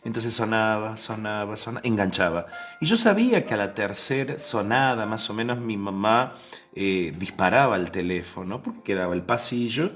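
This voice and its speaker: Soft-spoken Argentine man preaching. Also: lowish voice, animated, moderate pace, soft background music. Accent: Rioplatense Spanish. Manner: conversational, many restarts and questions to the listeners; acts out the voices in his story. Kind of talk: sermon with personal story.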